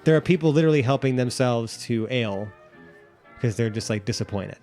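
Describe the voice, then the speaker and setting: Male game master, mid-pitched, rambling scene descriptions with faint music underneath. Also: fairly quick, darkish tone. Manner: rambling, filler-heavy descriptions. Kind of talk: narrating a tabletop game.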